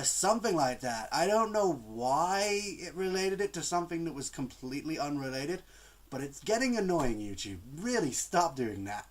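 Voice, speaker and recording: A man with a cold, chatting casually to camera as a gaming vlogger in a rambling, exasperated way. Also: a little high. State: has a cold, coughing. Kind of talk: casual vlog chat to camera.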